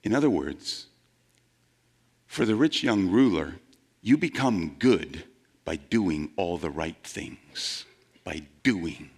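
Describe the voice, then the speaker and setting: A man's voice: lively intonation, slow pace, long pauses. Guy preaching a sermon, chatty, voice goes up and down a lot, acts out the quotes. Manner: conversational, asks the congregation questions; plays out quoted voices with big shifts in pitch. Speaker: pastor.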